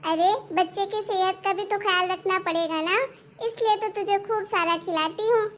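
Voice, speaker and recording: A woman's voice: extremely high pitch, steady tone, moderate pace, a bit bright, slight background noise. A woman voicing an earnest young daughter-in-law in a cartoon story, pleading and hurt. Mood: caring.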